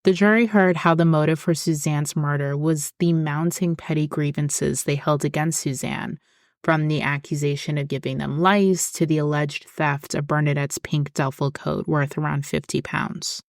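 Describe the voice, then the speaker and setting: Woman host, low register, measured explanatory read of true-crime script, dry studio sound. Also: steady tone, dry recording. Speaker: podcast host.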